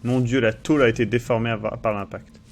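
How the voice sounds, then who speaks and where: A man's voice: medium pitch, steady tone, fairly quick, gravelly, a little hiss or hum. Chatty young man streaming a game. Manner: chatty, swears often, reads text aloud. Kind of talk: casual live-stream commentary.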